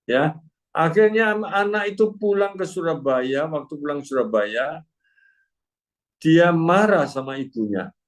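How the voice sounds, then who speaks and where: A man's voice: fairly high pitch, expressive, a little slow. An older man, preaching a sermon as a pastor and telling stories to the congregation. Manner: storytelling, addresses congregation as "Saudara", emphatic repetitions.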